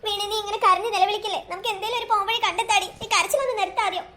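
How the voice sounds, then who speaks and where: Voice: extremely high pitch, steady tone, rapid-fire, bright, forceful tone. A performer voicing a frightened young woman in a cartoon ghost story, pleading and wailing dramatically. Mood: fretful.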